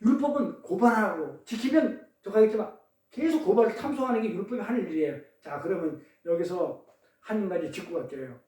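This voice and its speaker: Male pastor, high voice, lively call-and-response sermon, distant mic, roomy echo. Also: fairly quick. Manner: questions the congregation, call-and-response; tells pun riddles. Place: church service. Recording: echoey room, distant mic.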